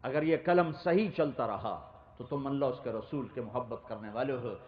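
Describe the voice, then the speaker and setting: A man preaching an emotional sermon, reciting verse and long rhythmic lists with rising passion. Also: mid-range voice. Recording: echoey, dull lo-fi hall recording.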